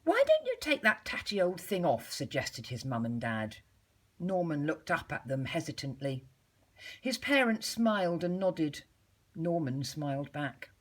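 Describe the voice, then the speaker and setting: Reading to young children from a storybook, a woman takes on a schoolteacher's style: expressive, measured, and full of deliberate pauses. Her voice is low-pitched.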